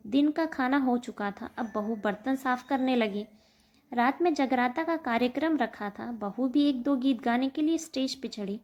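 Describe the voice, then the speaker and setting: A woman narrating an emotional family story in a steady storytelling manner. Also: high-pitched, moderate pace, lo-fi sound.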